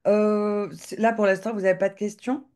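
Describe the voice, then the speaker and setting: Hesitant woman with a mellow voice. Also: mid-range voice, little pitch movement, normal speed. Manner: hesitant, many filler sounds and restarts. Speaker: web designer giving a live software demo. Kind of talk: live screen-share demo over a video call.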